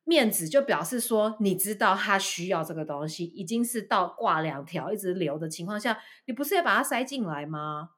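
A woman with a Taiwanese Mandarin accent tells a story in casual podcast chat, speaking from her work as a teacher. She talks at an ordinary middle pitch and acts out the parents she quotes. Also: normal speed, hardly any pauses. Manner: animated storytelling, acting out a parent in a high voice.

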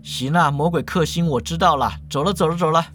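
A man voicing a brash, exasperated young man with a loud, brusque delivery. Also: a little high, fairly quick, faint music behind, close to an everyday voice.

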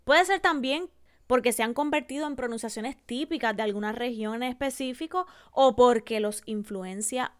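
A Puerto Rican woman hosting a solo podcast on public speaking, teaching carefully and slowing down to spell out examples. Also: on the high side, clean tone. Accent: Puerto Rican Spanish. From Puerto Rico. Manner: didactic, slows to spell out examples. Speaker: podcast host.

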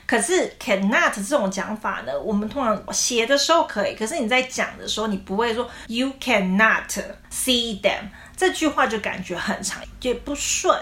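A woman English teacher explaining pronunciation patiently, saying English phrases slowly as examples. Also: on the high side, lively intonation, a bit bright.

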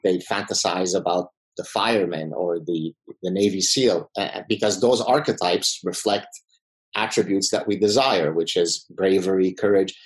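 Heard over poor audio, a deep male voice speaks at a moderate pace with fairly even intonation. He is a middle-aged Middle Eastern professor and native Arabic speaker, taking interview questions on a podcast in a self-assured, combative manner laced with wry humor.

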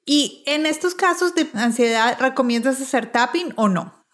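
A woman's voice: high-pitched, moderate pace, fairly bright tone. A woman interview host who gives short, agreeable replies and asks questions.

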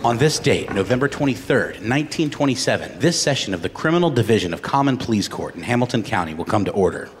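An actor playing a formal 1920s court clerk announcing the opening of a session. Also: male voice, medium pitch, sing-song, fast talker, hardly any pauses, slight background noise, natural voice.

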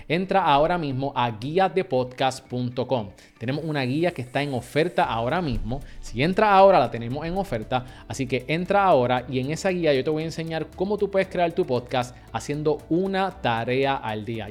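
A man with a Puerto Rican accent hosting a podcast, talking to his listeners in an upbeat, energetic way. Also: a little high. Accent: Puerto Rican Spanish. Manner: upbeat, addresses listeners as "mi gente". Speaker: podcast host. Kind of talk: energetic podcast intro and interview.

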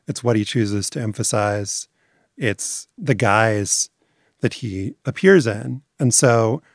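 A man interviewed about his documentary series, explaining in articulate, measured terms. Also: medium pitch, no room sound, clean studio sound. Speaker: documentary series maker as guest. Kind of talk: conversational interview.

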